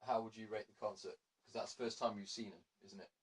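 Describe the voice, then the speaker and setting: A man's voice: on the low side, steady tone, fast, a little hiss or hum. A man hosting a casual show, chatty and laughing, often correcting himself. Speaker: radio show host. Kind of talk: casual chat.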